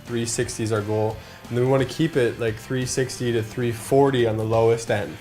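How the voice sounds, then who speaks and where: A man's voice: medium pitch, steady tone, a little fast, a little mellow. A man from Minnesota hosting a casual cooking demonstration, talking viewers through each step in an upbeat, chatty way. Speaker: cooking show host. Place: garage kitchen. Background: faint background music and frying.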